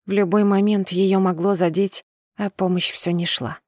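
A woman narrates a first-person novel in a measured, steady voice, at a middle pitch for a woman. The recording is close and dry, with no room sound around it. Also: no room sound. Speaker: audiobook narrator.

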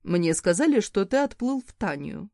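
A woman's voice: medium pitch, sing-song, moderate pace, dark tone, dry recording, clean studio sound. A woman reading an audiobook, voicing a smug, mocking nobleman. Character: smug nobleman Bastian, young man's father.

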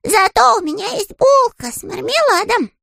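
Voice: very high voice, expressive, moderate pace, creaky, sharp tone, dry recording, clean studio sound, voice pushed up, heavily acted. A reader voicing a small, polite young male bear who sounds eager and innocent, in an audiobook. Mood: puzzled. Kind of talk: audiobook character voice.

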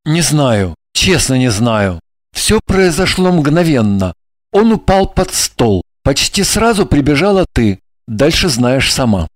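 A man's voice: mid-range voice, big pitch swings, takes it slowly, no room sound. A man voicing a tense, coarse young man in an audiobook drama, blunt and pushy in his arguing. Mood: evasive, flat. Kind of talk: audiobook character voice.

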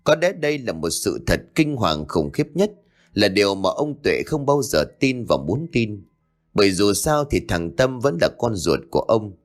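A man narrating a ghost story in a dramatic, expressive reading. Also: lowish voice, moderate pace. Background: faint background music.

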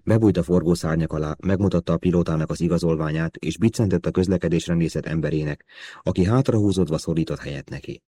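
A man narrating a spy thriller audiobook in a steady, measured reading. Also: low voice, no room sound. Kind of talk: scripted narration.

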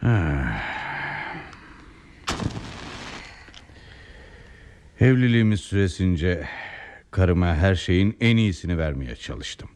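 An actor playing a stern, reproachful elderly father in old radio theatre style, lecturing with deliberate emphasis. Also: deep voice, big pitch swings, a little mellow. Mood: defensive, pained.

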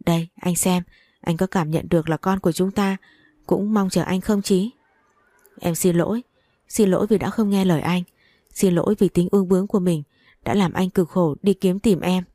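A woman voicing a frantic young wife in a read-aloud story, pleading in quick, breathless bursts. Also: lowish voice, fairly even intonation, mellow, dry recording, clean studio sound, lightly acted. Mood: desperate pleading.

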